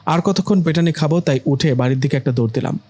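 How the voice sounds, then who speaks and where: A man tells a story and acts out every part himself. His voice sits a little high for a man. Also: quick pace, a little mellow, slightly rough. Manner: voices all characters himself, rising to high panicky cries. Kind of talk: dramatized story narration with acted dialogue.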